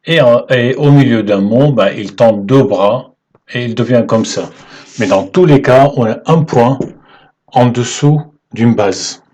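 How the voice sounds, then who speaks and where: A man teaching the alphabet in French, patient and halting, often checking in with "ok?" as he writes. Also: mid-range voice, a little mellow. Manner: slow, halting delivery with fillers. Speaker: Arabic teacher. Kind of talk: whiteboard lesson explaining letters.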